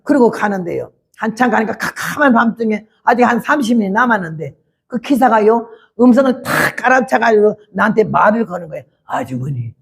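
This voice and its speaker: Gravelly-voiced woman in her eighties preaching. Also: on the high side, expressive, brisk. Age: 80s. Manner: blunt, rough-spoken storytelling; dramatic, acts out scenes loudly. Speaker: missionary preacher. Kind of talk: testimony sermon.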